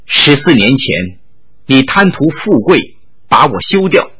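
A man's voice: medium pitch, sing-song, takes it slowly, pushed and bright, breathy edge, pitched below the performer's own voice, exaggerated voice. A male storyteller voicing a cold, scornful middle-aged nun who snaps back curtly at her former husband. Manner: curt, contemptuous retorts.

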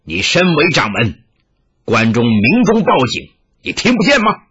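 一位男子演绎一位愤怒严厉的年长道长，嗓音沙哑，拔高声调大声斥责，录音音质发闷。. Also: male voice, mid-range voice, huge pitch swings, moderate pace, breathy edge, muffled recording, exaggerated voice. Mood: angry. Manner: scolding, shouting raised voice. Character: angry stern old Taoist elder, young man's uncle-teacher.

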